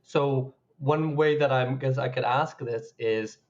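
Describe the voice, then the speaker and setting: Male interviewer, easygoing, short replies, mid-pitched, slightly muffled recording. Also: fairly even intonation, takes it slowly. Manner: easygoing, brief acknowledgements. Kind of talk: casual interview talk.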